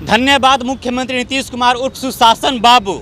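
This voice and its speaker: A man's voice: very high-pitched, steady tone, brisk, bright, forceful tone, slight background noise. A man reporting from outdoors, speaking with anger and accusation. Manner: angry, accusing. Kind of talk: street news report.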